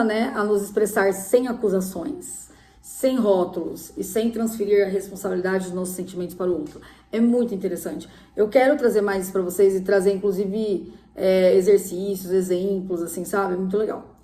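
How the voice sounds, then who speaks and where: A woman's voice: mid-range voice, dark tone, roomy sound. A woman giving relationship advice in a casual, chatty way, full of fillers.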